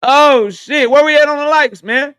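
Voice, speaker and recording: A man's voice: extremely high pitch, normal speed, a bit bright, no room sound. A man in his thirties hosting a casual live stream, joking and roasting his viewers, laughing often. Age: 30s.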